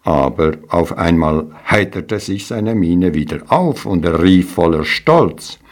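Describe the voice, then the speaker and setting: Deep-voiced, slow male storyteller. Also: expressive, a little mellow. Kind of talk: storybook reading.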